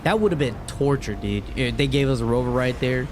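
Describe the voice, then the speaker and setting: Playing a video game, this man reacts in loose, slang-heavy language full of swearing. His medium-pitched voice is animated and brisk, and the background is noisy.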